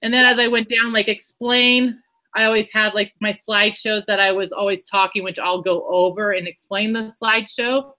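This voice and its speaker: A woman teacher talks through how she built a lesson. Her voice is bright and forward. She rambles in a chatty way and restarts her sentences often. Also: mid-range voice, steady tone, moderate pace. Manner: rambling, self-correcting, chatty. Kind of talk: casual explanation in an online workshop.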